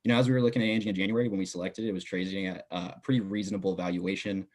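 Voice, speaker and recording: A man's voice: sits low, steady tone, very fast. A young adult man, a business student, talking as a podcast guest in a casual interview, giving detailed answers with many filler words.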